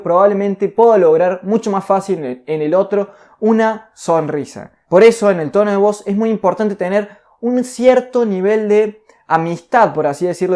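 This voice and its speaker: A man with a dark tone teaches a recorded online course on communication. He speaks deliberately, speeding up and slowing down and shifting his pitch up and down to illustrate his points.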